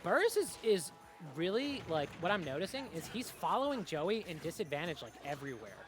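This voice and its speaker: A young man calls a fighting game tournament live, excitable and quick to react, with plenty of fillers between his reads of the action. His voice sits a little higher than most, and music plays behind the commentary. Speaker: esports commentator.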